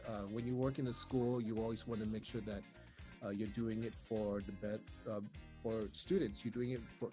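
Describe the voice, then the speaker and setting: A man from Singapore hosting a casual school talk show, chatty and relaxed, with plenty of uhs. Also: medium pitch.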